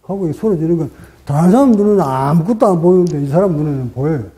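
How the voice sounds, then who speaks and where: A man delivers a dharma talk as a Buddhist meditation teacher. His voice sits a little high but has a very dark, mellow tone. He speaks in short, measured phrases, pausing often and pushing up in pitch to stress a point. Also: lively intonation, poor audio. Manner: deliberate, short phrases with pauses, rising for emphasis.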